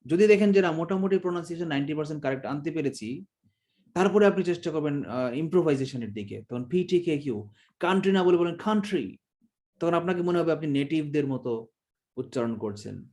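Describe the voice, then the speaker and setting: A man's voice: fairly high pitch, animated, quick pace, warm tone. A Bangladeshi man teaching an online exam-prep class in a chatty, joking way, acting out how words are said. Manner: chatty, joking, demonstrates pronunciations.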